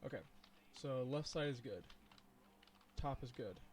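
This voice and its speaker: A man of ordinary pitch thinking aloud through a live coding session, rambling and dotting his talk with ums. He breaks off now and then to chat and laugh with his viewers, and a faint noise sits under his voice. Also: measured pace. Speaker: streamer. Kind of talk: live coding stream commentary.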